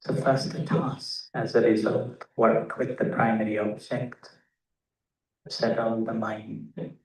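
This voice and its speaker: A man guides a meditation, his voice reaching a distant microphone across a room with noticeable echo. He speaks slowly and deliberately in short, pause-separated phrases, like a teacher giving step-by-step instruction, in a lowish, flat voice.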